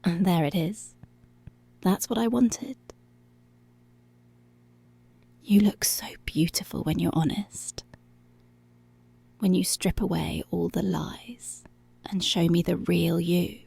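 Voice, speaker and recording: In an intimate ASMR roleplay, a woman voices a commanding, seductive policewoman, speaking very slowly and deliberately as she slips between murmur and whisper. Her lowish, dark voice is husky and breathy with heavy fry, fairly even in intonation, a full character performance that feels possessive yet tender. The mood is hushed and commanding, captured on a close, dry microphone.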